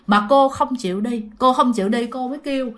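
A woman telling a ghost story to viewers in an animated, colloquial, repetitive way. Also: on the high side, fairly quick.

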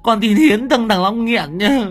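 A woman voicing a loud village mother who wails and pleads shrilly. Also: fairly high pitch, measured pace. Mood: frantic. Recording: faint music behind.

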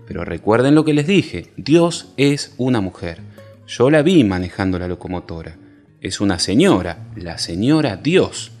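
A man's voice: on the low side, sing-song, a little slow, darkish tone, faint music behind. A man voicing a brave, insistent woman companion, who repeats herself emphatically.

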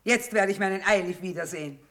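A woman's voice: medium pitch, fast talker, a bit bright, close to an everyday voice. An actress playing a middle-aged, shrewd, blunt mother who trades in wartime, in earthy speech for a radio drama. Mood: excited. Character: hard-bitten, shrewd, sharp-tongued mother trading in wartime. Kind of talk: German stage-style radio drama acting.

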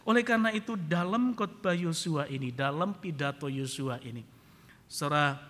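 A man's voice: on the high side, moderate pace, a bit bright. A male pastor preaching a sermon in a church, telling a humorous story and turning it into an emphatic lesson. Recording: reverberant church hall.

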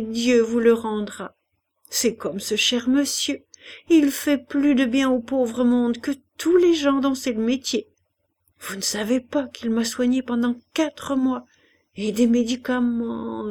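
A poor old woman stuck in her bed, chattering on in a fawning, pious way, as a woman reader voices her. She talks slowly, and her voice often rises high and loud. It comes from a storybook reading. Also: steady tone. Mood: wheedling. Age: older. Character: poor, bedridden old woman, wheedling and flattering.

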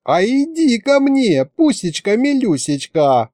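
A man's voice: high voice, huge pitch swings, a little slow, dark tone, dry recording, studio quality, pitched above the performer's own voice, exaggerated voice. A man voicing a lazy, gushing young woman who coos in a raised voice in an audiobook.

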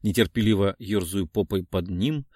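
A man narrating a romance audiobook in a steady, intimate reading style. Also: on the low side, normal speed, no echo, studio quality. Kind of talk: scripted narration.

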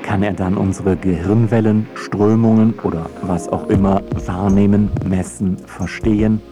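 Over clearly audible background music, a low-voiced man narrates a scripted radio feature at a moderate, steady pace. His delivery is wry and rhetorical.

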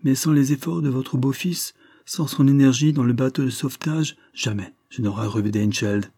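A man reading the part of an older lord, mocking and secretive, speaking in a wry, measured way. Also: medium pitch, warm tone, no room sound, clean studio sound, lightly acted.

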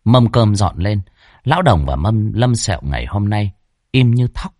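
A man hosting and narrating a horror story in a lively, chatty way. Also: fairly low pitch, normal speed, dry recording, clean studio sound. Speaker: storyteller and channel host.

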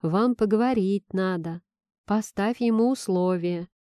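A woman's voice: medium pitch, moderate pace, a little mellow, dry recording, clean studio sound, lightly acted. A woman reading an audiobook, voicing a blunt, teasing young female friend who talks sardonically and earnestly. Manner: sardonic, pointed, then earnest.

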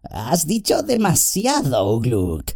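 A soft, sweet-voiced but malevolent orc messenger, as a male narrator voices him, drawling slowly and swooping all over his pitch as he mocks. A husky, insinuating sneer runs through every line. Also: wildly swooping pitch, exaggerated voice. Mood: mocking. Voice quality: softer, sweeter than the others. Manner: sneering, mocking. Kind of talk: audiobook character voice.

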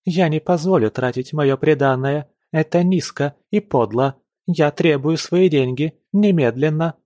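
A man voicing a spoiled, haughty young noble daughter who speaks in a shrill, indignant, sharp-tongued way. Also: a little slow, dry recording, natural voice.

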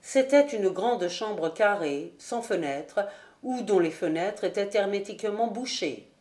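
A woman's voice: medium pitch, darkish tone. Woman reading a classic novel aloud. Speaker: audiobook reader.

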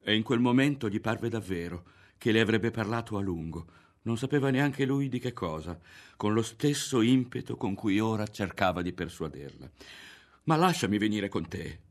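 A man narrating a novel aloud in a calm, measured reading. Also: fairly low pitch. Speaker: audiobook narrator. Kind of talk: literary reading.

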